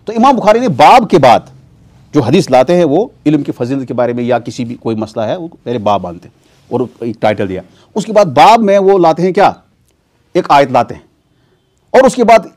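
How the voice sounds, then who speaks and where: Man teaching, lively questioning voice. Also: a little high. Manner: asks the class rhetorical questions and answers them himself. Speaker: Islamic scholar teaching a weekly class. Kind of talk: classroom lecture on hadith terminology. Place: mosque classroom.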